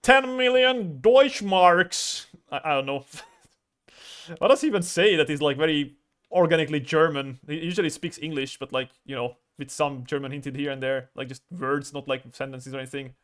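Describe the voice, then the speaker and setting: A man's voice: medium pitch, fairly even intonation, brisk. A man livestreaming as an artist, chatting casually while he draws, rambling, stammering and swearing freely. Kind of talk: casual chat while drawing on stream.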